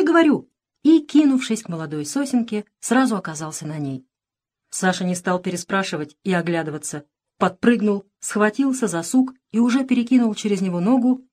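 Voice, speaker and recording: A woman's voice: expressive, a little fast. Woman reading a children's adventure aloud. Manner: dramatic, raising pitch and volume for shouted dialogue. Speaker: audiobook narrator. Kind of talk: audiobook narration with voiced dialogue.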